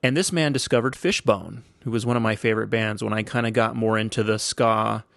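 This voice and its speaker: Laid-back gravelly man telling stories. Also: lowish voice, fairly even intonation, a little fast, fairly bright tone, dry recording, clean studio sound. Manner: laid-back, slangy, rambling. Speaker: podcast host. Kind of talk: casual storytelling monologue.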